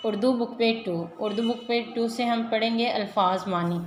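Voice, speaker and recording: A woman teacher, giving a recorded online lesson to young children and reading words slowly and deliberately. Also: fairly high pitch. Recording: echoey room, faint background hum.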